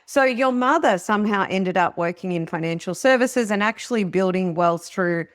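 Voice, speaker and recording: A woman's voice: mid-range voice, normal speed, dry recording, studio quality. A woman hosting a podcast, talking in a chatty, casual way and laughing often. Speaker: podcast host. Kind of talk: casual interview chat.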